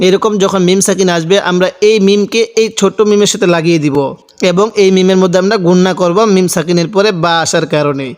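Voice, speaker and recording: A man's voice: high voice, fairly even intonation, quick pace. A man teaching how to spell out and recite the Quran, explaining each rule methodically and repeating every syllable. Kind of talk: spelling-out Quran lesson with slow chanted recitation. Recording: long hall reverb.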